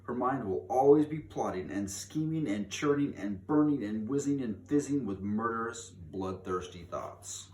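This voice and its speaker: A man's voice: medium pitch, lively intonation, moderate pace, hardly any pauses, darkish tone. A man reading a children's book aloud in a theatrical, emphatic manner, drawing out key words for drama. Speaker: read-aloud storyteller. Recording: distant mic, echoey room, background noise.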